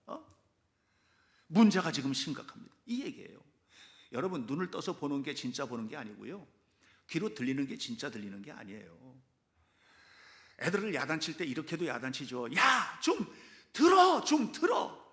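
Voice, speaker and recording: Animated, high-voiced male pastor preaching. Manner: emphatic, acts out quoted prayers. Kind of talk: sermon.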